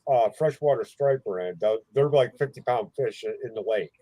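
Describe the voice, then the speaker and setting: A man's voice: medium pitch, brisk, warm tone, no echo, rough recording. A man from southwestern Pennsylvania, explaining things casually in a live group chat.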